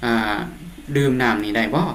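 A man's voice: mid-range voice, steady tone, fairly bright tone, slight background noise. A man with a Lao accent teaching a class, translating an English storybook line by line with patient explanations. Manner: explains slowly, reads English lines aloud and repeats words.

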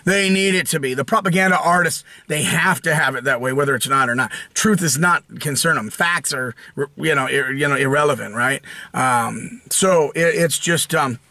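Bright-voiced American man ranting. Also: a little high, normal speed, dry recording, clean studio sound. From United States. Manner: rambling and sarcastic, with many restarts and fillers. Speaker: channel host. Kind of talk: casual opinion rant.

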